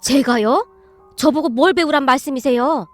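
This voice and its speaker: A timid, soft-hearted middle-aged mother-in-law, voiced by a woman narrator, who speaks gently and hesitantly. Her voice is fairly high. Soft music plays in the background. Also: normal speed, close to an everyday voice. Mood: gentle.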